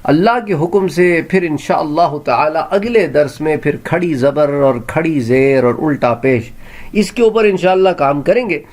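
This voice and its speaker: A man teaching a Quran reading lesson, sounding out each word slowly and clearly and then repeating it. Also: on the high side, lively intonation, a little mellow. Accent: Pakistani Urdu.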